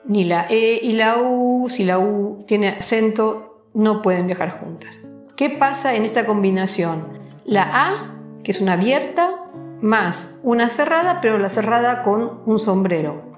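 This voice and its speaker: A woman's voice: medium pitch, expressive, measured pace. A woman teacher narrating a lesson in a playful, storytelling way, asking rhetorical questions along the way. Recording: roomy echo, faint background music.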